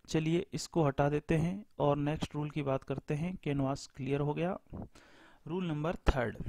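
A man's voice: a little high, darkish tone, no room sound. A man teaching a grammar lesson in a patient explanatory style, spelling words letter by letter and asking and answering his own questions.

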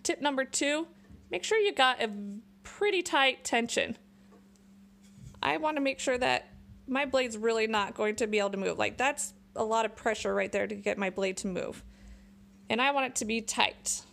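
Her voice a little high, creaky and a bit bright, a young woman talks at a normal speed while demonstrating her tools in a laid-back woodworking tutorial. She's in a small home workshop, recorded closely by a camera sitting on the bench.

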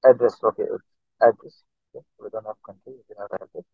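This is a fast-talking male instructor with a fairly low, slightly rough voice and fairly even intonation, lecturing online step by step and saying "okay" constantly. The screen-recorded computer mic audio is tinny and dry, with no room sound.

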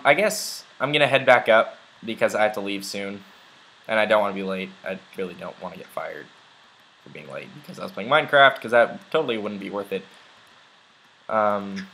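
Poor audio carries a fairly low-pitched voice that is bright and forceful. The speaker, a young let's play gamer, rambles chattily through casual commentary, leaning heavily on filler words.

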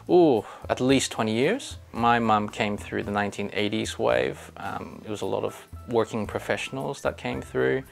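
A man's voice: lowish voice, gravelly. A man, talking earnestly in a documentary interview as a radio station's chairperson, with frequent ums and uhs, on a lapel mic. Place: radio station music library.

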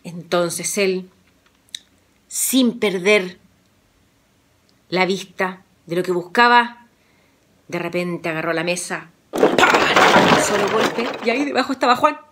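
A woman's voice: fairly low pitch, measured pace, pauses often, a bit bright, a little hiss or hum. A woman telling a traditional children's tale expressively, with sound effects and asides. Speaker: storyteller. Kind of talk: storytelling for children.

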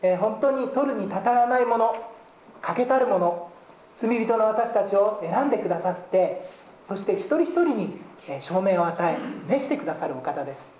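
A male pastor giving a sermon at a pulpit, filling pauses with a drawn-out "ee" and slipping in light jokes. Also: high-pitched, lively intonation, darkish tone, a little hiss or hum. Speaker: guest pastor. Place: church sanctuary. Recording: roomy church live stream.

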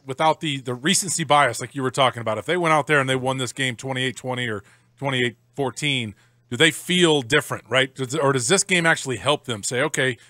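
A male co-host poses long, searching questions on a postgame radio show. He talks fast in a bright, forceful voice, close to a dry mic. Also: mid-range voice, dry recording.

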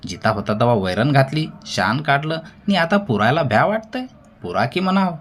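Man voicing a proud village laborer, sharp and defiant. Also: medium pitch, big pitch swings, normal speed, pitched above the performer's own voice. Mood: scornful. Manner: bold, sharp, retorting.

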